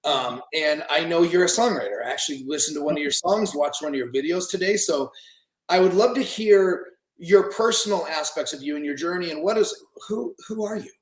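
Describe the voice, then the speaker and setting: A man hosting a podcast, enthusiastic and conversational. His voice sits slightly high. The room adds a noticeable echo. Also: brisk. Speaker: podcast host. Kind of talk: podcast interview.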